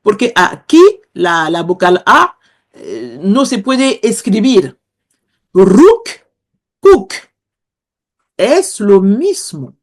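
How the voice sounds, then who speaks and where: A woman guest professor explaining word origins in an interview, slow and hesitant, often searching for words. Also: mid-range voice, big pitch swings. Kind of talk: explaining a language lesson.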